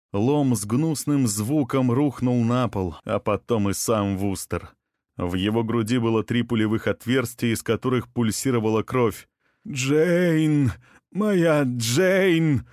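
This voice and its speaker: A man reading a dramatic audiobook with a tense, expressive delivery. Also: on the low side, a little slow, no room sound, clean studio sound. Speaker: audiobook narrator.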